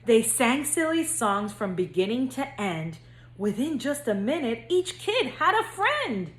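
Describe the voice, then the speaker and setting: Reading aloud to young children like a storyteller, a school counselor keeps her delivery gentle and singsong. She speaks a little slowly in a slightly high voice, with a roomy sound.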